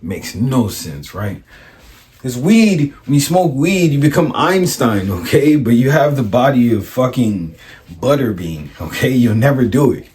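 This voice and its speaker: Speaking a little slowly with a mellow, medium-pitched voice, this man is very animated as he shares a personal story. He's a life coach who talks bluntly and profanely, keeps asking "right?", and performs other people's voices in his stories.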